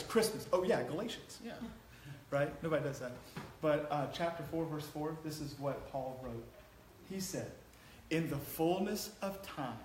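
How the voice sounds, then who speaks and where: A man's voice: medium pitch, a little hiss or hum. A man preaching a sermon, chatty and joking with the congregation, then building to a passionate exhortation. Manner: conversational, rising to passionate exhortation. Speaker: pastor. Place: church sanctuary. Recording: echoey church hall.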